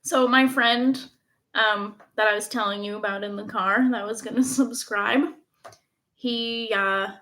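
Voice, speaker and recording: A woman's voice: mid-range voice, steady tone, a little slow, pushed and bright. A woman from Canada chatting casually on a live stream at home, rambling with lots of fillers, recorded on a phone's front camera. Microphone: phone front-facing camera.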